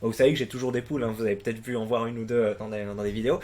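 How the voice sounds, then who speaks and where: A young French YouTube host reads viewer forum posts and riffs on them loosely, speaking very fast at a medium pitch. His rambling commentary is full of fillers, restarts, crude slang and free swearing, and he erupts into loud, animated bursts when telling his own stories.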